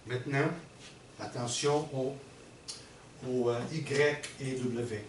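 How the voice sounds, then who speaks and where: A man's voice: mid-range voice, slow. Man teaching a workshop. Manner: explanatory, checks in often with the audience. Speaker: workshop presenter. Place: workshop room with an audience. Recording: roomy and distant with background noise.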